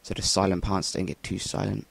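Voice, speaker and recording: Creaky, slightly rough and low, this young English man's voice stays flat as he talks fairly quickly over a shooter game with no echo. The gameplay commentator rambles and curses into a cheap Rock Band USB mic.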